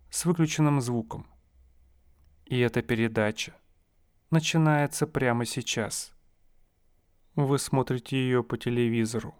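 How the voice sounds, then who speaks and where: A man guiding a listener through a hypnosis session, speaking in slow, soothing, suggestive phrases. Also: medium pitch, smooth, no echo, clean studio sound.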